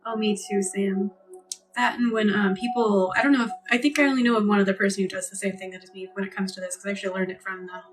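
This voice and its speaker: A woman hosting a live reiki healing stream, chatting casually and gently with viewers and thanking them by name. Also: medium pitch, steady tone, quick pace, distant mic. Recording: music playing behind, voice a bit off-mic.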